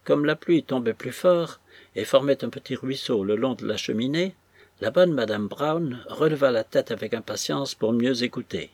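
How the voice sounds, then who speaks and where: Husky male audiobook narrator. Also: mid-range voice, darkish tone, dry recording. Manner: measured, dramatic reading. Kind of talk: scripted storybook narration.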